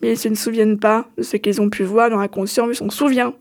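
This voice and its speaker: A soft-spoken female guide to a parallel world, read aloud by a woman. She explains things patiently and keeps an even, fairly high voice. The delivery stays close to plain reading. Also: fast talker, lightly acted. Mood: patient explaining.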